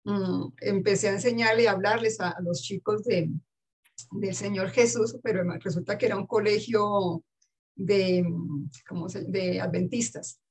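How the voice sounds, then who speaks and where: A woman, an English teacher telling stories earnestly in a casual interview, with soft laughs. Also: mid-range voice, fairly even intonation, measured pace, slightly rough.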